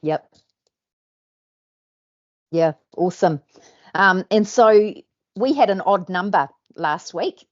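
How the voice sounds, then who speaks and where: A woman's voice: mid-range voice, expressive, takes it slowly, long pauses, dull audio. A woman, a hypnosis trainer hosting, chatting in an upbeat, encouraging, coaching way. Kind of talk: casual interview chat.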